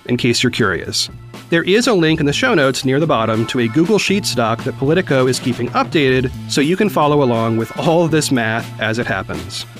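A man hosting a news podcast, explaining things clearly in a conversational scripted style with small asides. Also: medium pitch. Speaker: podcast host.

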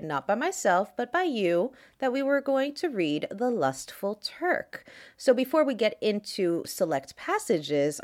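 A woman hosting a podcast in a casual, playful way, introducing readings, with a congested nose from allergies and breathing through her mouth. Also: fairly low pitch. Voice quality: congested, stuffy-nosed. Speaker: podcast host and reader.

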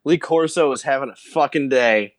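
A man co-hosting a casual sports chat, dry and teasing with deadpan jokes. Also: medium pitch, moderate pace. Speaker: podcast co-host.

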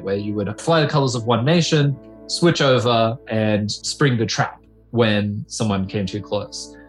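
Man explaining history conversationally. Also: mid-range voice. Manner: explanatory, conversational, checks in with "right?". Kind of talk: interview commentary.

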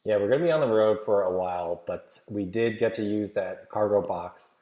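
Deep-voiced man in an echoey room. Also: normal speed, mellow. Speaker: podcast co-host. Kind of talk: casual podcast chat. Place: game room in a rented house, indoors.

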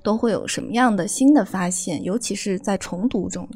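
A woman hosting a podcast, opening the episode and putting questions to her guests in a clear, orderly way. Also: medium pitch, normal speed, a little mellow. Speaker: podcast host. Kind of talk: scripted podcast introduction.

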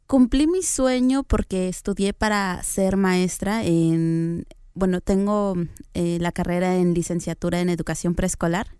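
A young woman from Oaxaca speaks in a smooth, resonant voice. She answers softly and hesitantly, pausing on fillers, recorded close and dry with no room sound. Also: fairly low pitch, no echo. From Oaxaca, Mexico. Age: young adult. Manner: soft-spoken, hesitant fillers, light laughs. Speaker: interview guest. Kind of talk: relaxed interview conversation.

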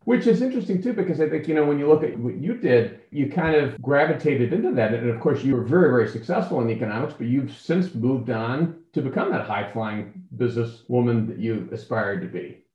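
A man's voice: medium pitch, animated, brisk, few pauses, a little mellow, roomy sound, lo-fi sound. A man hosting an interview, encouraging and asking follow-up questions. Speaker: interview host. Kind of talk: conversational interview.

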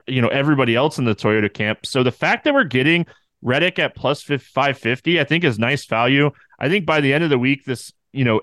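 A man's voice: medium pitch, fairly bright tone, dry recording, studio quality. A man giving casual analysis as a sports betting podcast regular.

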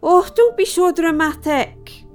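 A woman's voice: very high-pitched, a little slow, soft background music. A middle-aged woman with a broad Scottish accent playing a wry, teasing, motherly villager in an audio drama. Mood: wry, reassuring. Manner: dry, teasing, matter-of-fact.

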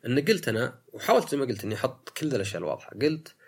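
A man hosts a solo talk podcast in a gravelly, husky voice. He argues in a casual way and mimics other people's lines to make his case. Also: mid-range voice, sing-song, rapid-fire, darkish tone. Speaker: podcast host.

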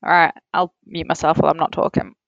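A woman's voice: deep voice, flat delivery, fast talker, creaky, dry recording, highs cut off. A woman chatting casually as a panellist on a podcast. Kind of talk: casual chat.

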